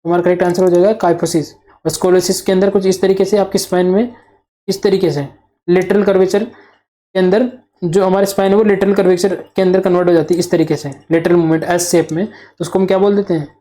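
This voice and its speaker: A man's voice: high-pitched, little pitch movement, brisk, dark tone. A man teaching nursing exam material as a whiteboard lecture. He poses questions, answers them himself, and repeats the key terms.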